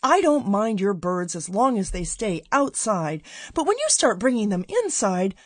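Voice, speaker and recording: A woman voicing an excited wife who scolds her husband, in a storybook reading. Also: mid-range voice, unhurried, no room sound. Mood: scolding. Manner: exclaiming, scolding.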